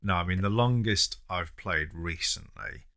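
A man's voice: sits low, unhurried, pushed and bright. A man, co-hosting a podcast in casual, teasing chat that often trails off into fillers. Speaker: podcast co-host.

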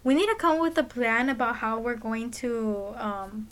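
A woman's voice: fairly high pitch, normal speed. A young woman in her late teens co-hosting a casual podcast, rambling and leaning on constant "like" fillers. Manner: rambling, filler-heavy with lots of "like". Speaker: podcast co-host. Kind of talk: casual chat.

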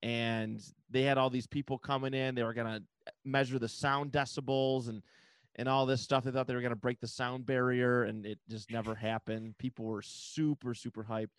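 A man co-hosts a podcast, chatting casually about football in a smooth, medium-pitched voice with little pitch movement, at moderate speed with no echo. He rambles hesitantly, with many fillers and restarts.

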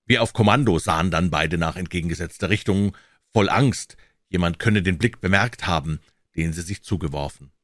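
A man reading a novel aloud as an audiobook narrator, telling the story in an expressive, dramatic way. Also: deep voice, normal speed, no room sound, clean studio sound.

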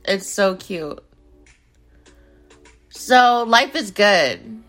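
A woman in her twenties hosting her own podcast in casual, playful chat that swings between loud bursts and low mumbles. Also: lively intonation, very slow. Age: 20s. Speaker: podcast host. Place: home in Arizona. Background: music beat playing.

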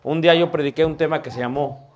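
A man teaching a class on preaching, quizzing students and sometimes lowering his voice for emphasis. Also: fast. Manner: animated, asks the class questions, drops to a soft voice for effect. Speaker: homiletics teacher.

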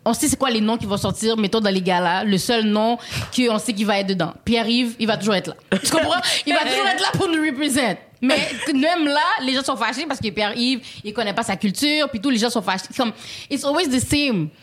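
A woman's voice: a little high, a little fast. A woman with a Quebec French accent talking in a rambling, casual way, full of fillers and bits of English. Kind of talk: casual chat.

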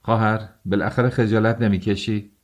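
A man's voice: fairly low pitch, little pitch movement, close to an everyday voice. A man voicing a brooding young man who speaks bluntly and defiantly, in an audiobook. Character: brooding young man, defiant toward his sister's suitor.

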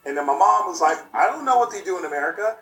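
A man's voice: high-pitched, expressive, creaky, roomy sound, loud music behind the voice. Man sounding like he's in a tin can. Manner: rambling, halting, self-mocking storyteller. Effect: tinny, as if inside a metal can. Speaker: podcast guest, improv performer. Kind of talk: casual chat, storytelling. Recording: hollow, distant remote call with faint hiss.

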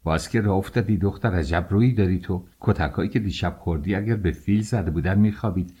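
A man voicing a spiteful, shrill old mother-in-law who scolds and taunts. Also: warm tone, slightly rough. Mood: scolding.

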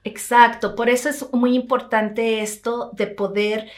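A woman's voice: fairly high pitch, little pitch movement, unhurried. A woman with a Mexican Spanish accent, an interview guest explaining her thoughts, often adding tag questions and the odd English word. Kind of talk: explanatory conversation.

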